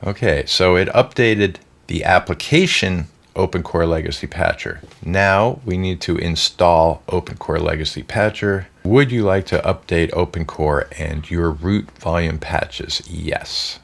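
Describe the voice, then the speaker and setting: Low-voiced guy stuffed up with a cold, sounds nasal, walking you through a tech how-to in an easy chatty way. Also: measured pace, creaky, few pauses. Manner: relaxed, explains step by step. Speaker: tech channel host. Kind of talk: casual tech tutorial narration.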